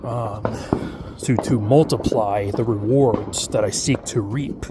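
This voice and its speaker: Man, slow rambling vlog, lots of ums, outdoors at night, loud fireworks behind. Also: lowish voice, heavy background noise. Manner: rambling, hesitant, many fillers. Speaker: vlogger.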